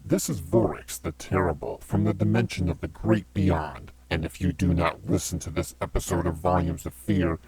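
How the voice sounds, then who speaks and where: A man playing a bumbling, insecure demon from another dimension in a comic horror audio drama, with a rough, husky voice. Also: sits low, fairly even intonation, moderate pace, few pauses, a little mellow, no echo, exaggerated voice, rough recording. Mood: menacing. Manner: apologetic, self-doubting.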